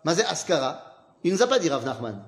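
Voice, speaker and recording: A man's voice: fairly high pitch, big pitch swings, quick pace. A man teaching an informal Talmud class, asking questions and then answering them himself in a casual, slangy way.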